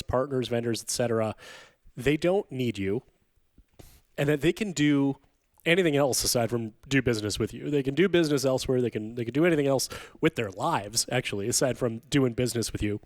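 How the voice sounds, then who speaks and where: A man's voice: mid-range voice, dry recording. Friendly male guest talking in a bar. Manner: friendly, self-deprecating, explains with repetition. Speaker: podcast guest, hospitality expert. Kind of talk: casual interview.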